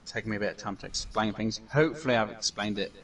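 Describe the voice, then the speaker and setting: A man hosts a casual gameplay commentary in a low-set voice, rambling along with plenty of fillers and restarts. He sounds set back from the microphone, as if the mic sits some distance away. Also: quick pace, a bit bright, slight background noise. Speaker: gaming channel host.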